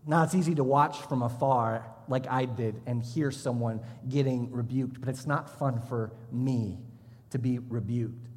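A man in his thirties, a pastor preaching a sermon, telling stories and now and then shouting as he acts out a drill instructor. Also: mid-range voice, fairly even intonation, measured pace. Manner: storytelling, shouts when acting out a drill instructor. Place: church hall. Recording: long hall reverb.

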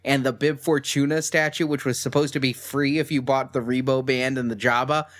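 A man's voice: mid-range voice, fairly even intonation, brisk, fairly bright tone. A man co-hosting a podcast, chatting casually and wryly about collectibles, with jokes and strong opinions. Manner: wry, joking, opinionated. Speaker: podcast co-host.

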